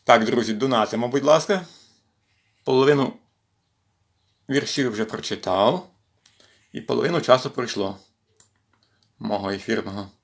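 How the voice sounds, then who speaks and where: Man from western ukraine, poetry recital, expressive, mid pitch, at home. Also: moderate pace, vocal fry, pauses often. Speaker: poetry reader in a volunteer series. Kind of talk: reciting poems in a home livestream. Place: at home with his cat.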